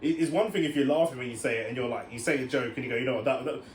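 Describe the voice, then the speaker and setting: A man's voice: mid-range voice, rapid-fire, a crowd in the background. A young man, co-hosting a podcast in casual chat, emphatic and repeating words as he starts a point. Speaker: podcast co-host. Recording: roomy with faint noise.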